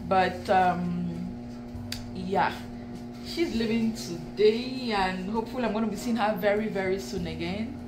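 A new mom in her thirties vlogs casually to camera at home, talking emotionally and chattily to viewers she calls "guys." Her mid-range voice is unhurried, with music underneath and poor audio quality.

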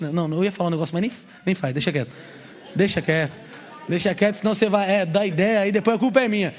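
A man preaching to a congregation at a youth service. He is animated and slangy, joking and acting out little scenes as he preaches. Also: sits high. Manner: slangy, casual street talk. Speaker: pastor. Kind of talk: sermon at a youth church service.

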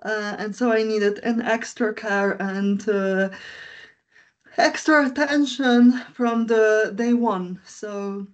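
A woman in her twenties from Slovenia, first language Slovene, speaking slowly and deliberately as a video call guest. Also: medium pitch, fairly even intonation. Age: 20s. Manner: slow, deliberate, soft laughs. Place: indoors at home. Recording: dull lo-fi video call audio.

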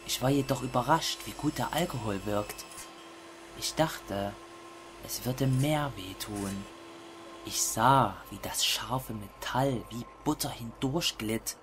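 A man voicing a deranged narrator of a horror tale in a hushed, creeping delivery. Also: mid-range voice, slow, background noise, natural voice. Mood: dark ecstasy. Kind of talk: scripted first-person horror narration.

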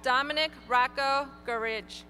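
A woman reading graduates' names one by one at an outdoor graduation ceremony, in a clear, measured announcing manner. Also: high voice, pushed and bright, soft background music. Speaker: graduation name reader. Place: outdoor stadium ceremony over PA.

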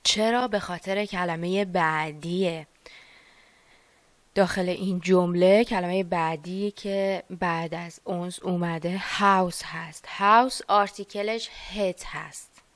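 Clear-voiced woman teaching a language. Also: lowish voice, fairly even intonation, no echo. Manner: patient, explains slowly and repeats words. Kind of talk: online language lesson.

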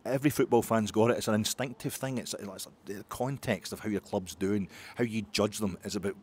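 A man's voice: on the low side, brisk, darkish tone, a little hiss or hum. A middle-aged Scottish man, a podcast host, giving rambling post-match football chat full of restarts and sighs. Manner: rambling, self-interrupting with many restarts and sighs.

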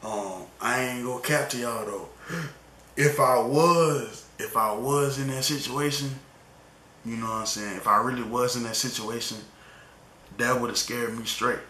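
A young man rambles through a storytime vlog in casual slang, often tacking on "you know what I'm saying." His mid-range voice is fairly even in intonation and a little slow. The room is echoey with loud music behind him and slight background noise.

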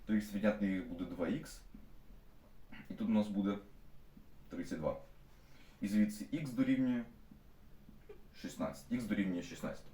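A man's voice: on the low side, normal speed, pauses often, warm tone, a little hiss or hum. A young man teaching a math lesson, walking students through each step and repeating himself with fillers. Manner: stops often to restate steps with fillers. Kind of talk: explaining math problems to students. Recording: echoey room, mic at a distance.

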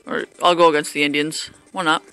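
A man's voice: on the high side, little pitch movement, a little fast, bright, forceful tone, smooth, faint music behind. A man casually commentating his own baseball video game play, rambling and joking at himself with lots of fillers. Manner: rambling, self-mocking, hesitant with fillers. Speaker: gameplay commentator.

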